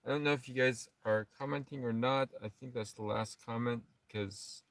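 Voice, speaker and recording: A man co-hosting a casual travel livestream from a camper van, chatting in a relaxed way and reading out viewer comments. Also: mid-range voice, normal speed, no echo, far from the mic. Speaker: vlogger co-host. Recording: dry, from a little off mic.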